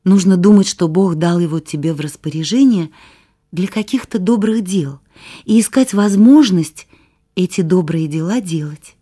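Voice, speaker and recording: A woman explains things patiently to a child in a children's Bible program. Her voice is fairly low and mellow, with a husky, breathy grain. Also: animated, normal speed.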